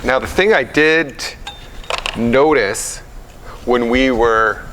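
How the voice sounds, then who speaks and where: A man's voice: medium pitch, takes it slowly, fairly bright tone, slight background noise. A man co-hosting a car show, trading dry, sarcastic quips about cheap parts while working on his car in a garage. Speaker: car show co-host, car owner. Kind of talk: casual garage banter.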